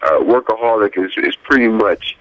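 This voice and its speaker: A man from Chicago answering radio interview questions in a hesitant, halting way with many fillers. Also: lowish voice, animated, no echo, lo-fi sound. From Chicago, USA. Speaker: guest, graphic designer.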